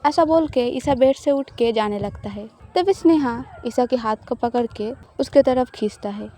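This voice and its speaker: A woman storyteller narrating an audio love story in a steady, even way. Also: fairly high pitch, moderate pace.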